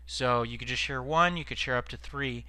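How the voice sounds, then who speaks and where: A man's voice: mid-range voice, normal speed, pushed and bright, smooth, dry recording. A man giving an informal instructional presentation as a sales trainer, explaining examples step by step.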